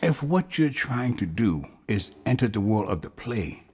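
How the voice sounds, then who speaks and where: A man's voice: fairly low pitch, very animated, unhurried, a little mellow, breathy edge, heavily acted. A man voicing a dry, sarcastic male sidekick who teases. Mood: wry. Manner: wry, teasing.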